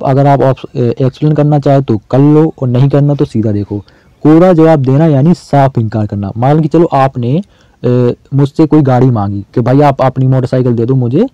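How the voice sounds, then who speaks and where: Man, casual exam-prep teacher, chatty, repeats himself, very dark mellow voice, dry dull recording. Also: mid-range voice, no room sound.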